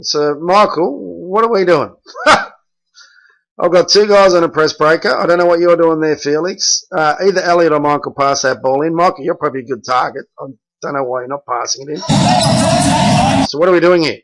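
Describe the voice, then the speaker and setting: Man, basketball coach, film review, blunt, fairly high voice. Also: moderate pace, a bit bright, faint music behind, poor audio. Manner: blunt, frustrated, correcting players by name.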